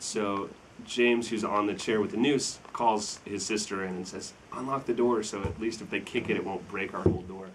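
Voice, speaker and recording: A man's voice: on the low side, a little hiss or hum. Laid-back young man at a film Q&A. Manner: relaxed, rambling, laughs often. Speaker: filmmaker at a screening Q&A. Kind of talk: casual Q&A chat. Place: screening room with an audience.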